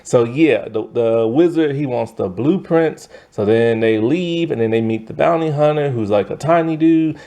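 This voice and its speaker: A man's voice: mid-range voice, normal speed, hardly any pauses, dark tone. A young man casually recapping a TV episode in a loose, slangy, exasperated way, full of fillers and restarts. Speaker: TV episode reviewer.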